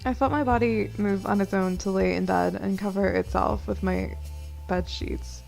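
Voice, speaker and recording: A woman's voice: mid-range voice, steady tone, normal speed, gravelly, darkish tone, soft background music. A young woman reading a visual novel aloud with playful, giggly commentary and the occasional swear. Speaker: let's play host.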